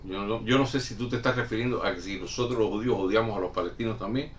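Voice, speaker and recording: A middle-aged man from Cuba, the host of his own channel, rambles through viewers' questions in a relaxed, halting way, often restarting his sentences. His voice sits low. He sounds a step back from the microphone, with a faint hum of noise behind him. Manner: rambling, many filler pauses and restarts. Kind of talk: casual chat. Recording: somewhat distant mic with faint room noise.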